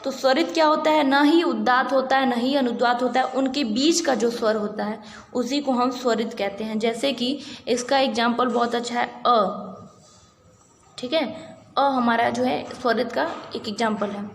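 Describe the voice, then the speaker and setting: A woman teaches a grammar lesson for exam preparation, her voice set a touch high. She talks patiently, repeats the key points and keeps asking whether her listeners follow. The room is echoey, with a long reverb tail and faint noise underneath. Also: steady tone, normal speed.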